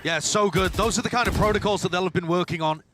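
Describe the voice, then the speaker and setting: A man's voice: sits high, fast, noisy background. A man giving explanatory analysis as an esports caster during live match commentary.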